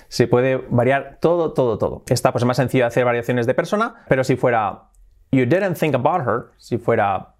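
A man's voice: mid-range voice, darkish tone. A man teaching an English lesson, asking questions to his learners and answering them himself, with short laughs between examples. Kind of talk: language lesson.

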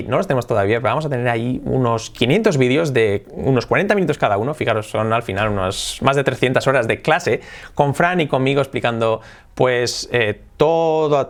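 Spanish guy teaching english online, lively, drills phrases slow, mixes spanish and english. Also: mid-range voice. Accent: Spain Spanish.

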